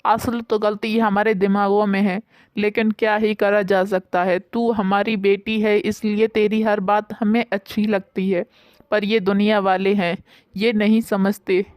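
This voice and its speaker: Lady reading as a strict but soft mom, dry close voice. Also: medium pitch, little pitch movement, a little slow, clear, resonant tone, no echo, lightly acted. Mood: consoling. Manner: scolding yet gentle. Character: stern but loving middle-aged mother.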